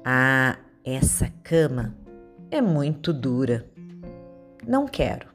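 A woman's voice: a bass voice, sing-song, slow pace, soft background music, pitched below the performer's own voice, full character voice. A woman voicing a fussy little girl in a storybook.

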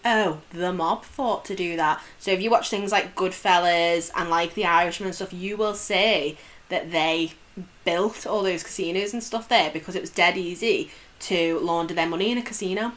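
A woman's voice: on the low side, normal speed, fairly bright tone. A woman co-hosting a podcast, telling a story in a chatty, easygoing way. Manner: chatty storytelling, laughs easily. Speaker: podcast co-host. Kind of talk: casual chat.

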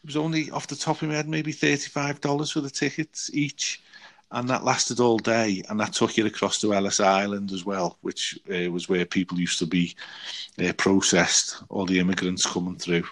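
Man, casual chat, animated storyteller, lowish voice. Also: normal speed.

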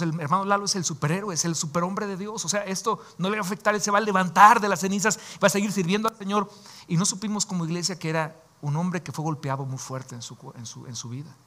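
A man's voice: high voice, pushed and bright. A man in his forties, a pastor, telling his own story in a sermon in an emotional, confiding way. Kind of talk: sermon testimony.

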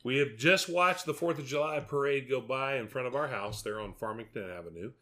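A man's voice: mid-range voice, a little fast, pushed and bright. A middle-aged man with a Southern US accent and a folksy drawl, chatting casually as a podcast co-host. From southern United States.

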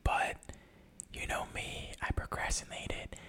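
Guy whispering his podcast intro real quiet at night, casual and hushed. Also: slow pace. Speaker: podcast host.

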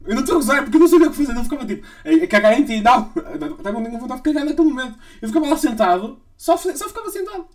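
Young male podcast co-host, European Portuguese accent, teasing, quick and bouncy. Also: extremely high pitch, sing-song. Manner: teasing, jokey, laughs often. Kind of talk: casual chat.

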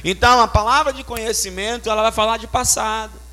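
A man's voice: high voice, steady tone, fast talker, bright, forceful tone. A man preaching a sermon, emphatic and storytelling with sound effects. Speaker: pastor.

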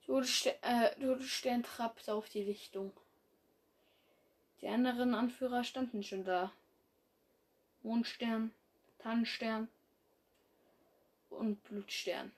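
A woman's voice: fairly high pitch, steady tone, takes it slowly, long pauses. A young woman reading her own fan story aloud in a casual way, with slips and restarts as she goes.

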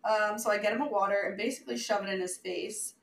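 A woman's voice: medium pitch, quick pace, gravelly, recorded from a distance, slight background noise. Woman telling a story in an echoey room. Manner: animated storyteller, acts out quotes, swears. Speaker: podcast co-host. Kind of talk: casual chat, storytelling.

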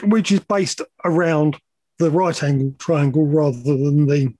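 Here a middle-aged man with a warm, steady voice on the high side speaks a little slowly, with no room sound. As a podcast guest and loudspeaker measurement engineer, he explains technical subjects, pausing hesitantly at times and offering down-to-earth asides.

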